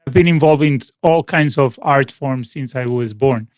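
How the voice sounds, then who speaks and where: A man's voice: medium pitch, normal speed, darkish tone, no echo. A Venezuelan man in his late forties, a musician answering interview questions in a rambling, casual way with many restarts and fillers. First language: Spanish. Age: 40s. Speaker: guest musician. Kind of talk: casual interview over a call.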